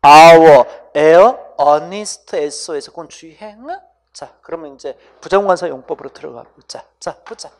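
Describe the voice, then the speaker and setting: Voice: medium pitch, brisk, vocal fry. An English grammar teacher giving an exam-prep lecture in casual speech, coaxing students to repeat sounds and constantly checking in with "right?". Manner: casual banmal, keeps asking students "right?".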